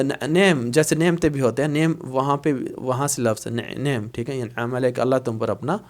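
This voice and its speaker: A man teaching a casual spoken lesson, saying phrases slowly and repeating them, often checking in with his listeners. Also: mid-range voice. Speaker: language teacher.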